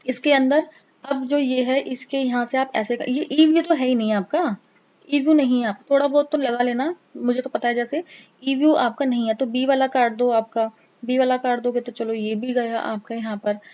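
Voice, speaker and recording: A woman's voice: high-pitched, fairly even intonation, normal speed, a little mellow. A woman teaching an exam prep lesson in a casual, coaxing way, mixing English terms into her talk. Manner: chatty, coaxing, teasing students; mixes English terms into Hindi. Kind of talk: casual Hindi lecture. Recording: dull lo-fi sound.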